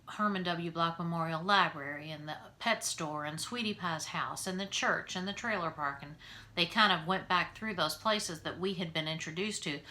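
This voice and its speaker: A woman reading a children's novel aloud and then talking about it in a relaxed way, with fillers. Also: fairly low pitch.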